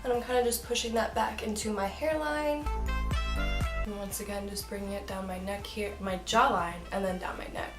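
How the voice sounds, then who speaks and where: A beauty vlogger, a young woman with a steady, mid-range voice, chats her way through a makeup tutorial at a normal speed, giggling and tossing in self-mocking asides while she has the hiccups. The recording is reverberant, with music underneath.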